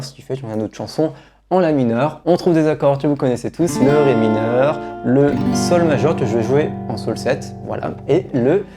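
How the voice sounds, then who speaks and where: A man teaching guitar songs in a relaxed, self-deprecating way, counting the beats aloud and speaking with a French accent. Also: medium pitch. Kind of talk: casual guitar tutorial, talking and singing. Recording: guitar playing loudly behind the voice. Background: acoustic guitar.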